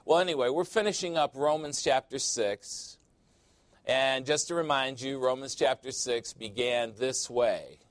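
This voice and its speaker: A man's voice: medium pitch, measured pace, no echo. A male pastor preaching a sermon in a church, joking and conversational with sudden emphatic swings.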